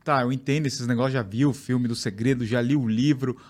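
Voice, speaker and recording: A man with a Brazilian Portuguese accent, hosting a casual interview and asking relaxed, thoughtful questions. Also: mid-range voice, fairly quick. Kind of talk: casual conversation.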